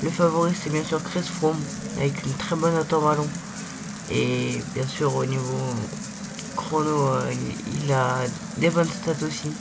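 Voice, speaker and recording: A young man commentating casually on a cycling video game, halting and repeating himself, his voice weakened by swollen tonsils. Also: on the high side, fairly even intonation, vocal fry, very noisy. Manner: halting, repeats words while searching. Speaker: gaming video host. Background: loud music.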